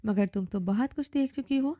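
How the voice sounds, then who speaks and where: A woman's voice: on the high side, mellow, no room sound, clean studio sound, natural voice. Woman doing an icy, domineering young man. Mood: cold commanding. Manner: icy, commanding.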